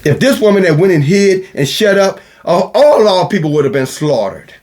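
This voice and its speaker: A man with a notably high-pitched voice preaches with fire. His manner is belligerent and scolding, laced with crude insults. He hammers points home by repeating his words. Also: animated, moderate pace, a little mellow. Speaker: religious teacher. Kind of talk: fiery sermon.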